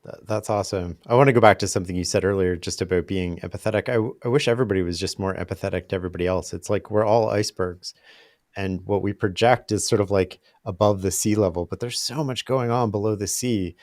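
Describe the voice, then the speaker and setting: A man hosting a podcast interview, asking questions in a quick, reflective way. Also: on the low side, a little mellow, dry recording, studio quality. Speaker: podcast host.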